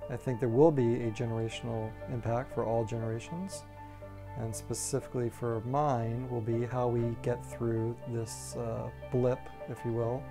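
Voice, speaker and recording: A man in his forties answering documentary interview questions, measured and thinking aloud. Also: mid-range voice, little pitch movement, music in the background. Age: 40s.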